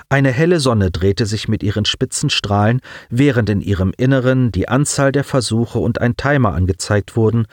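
A man narrating an audiobook in a lively, expressive reading style. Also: fairly low pitch, dry recording, clean studio sound.

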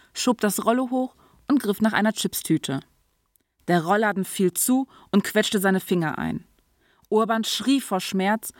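A woman reading a story aloud in an even, clear storytelling manner, now and then lightly voicing the characters. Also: medium pitch, no echo, studio quality. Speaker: narrator. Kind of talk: audiobook reading.

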